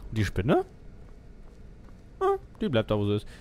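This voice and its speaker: A man's voice: lowish voice, huge pitch swings, normal speed, darkish tone. A man doing casual commentary on a let's play stream, grumbling and mocking, swearing at his companion.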